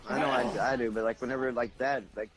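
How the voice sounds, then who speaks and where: A man's voice: mid-range voice, steady tone, fast, fairly bright tone, poor audio. A man co-hosting a gaming podcast, telling stories in a rambling, profane way. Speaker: podcast co-host. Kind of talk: casual gaming chat.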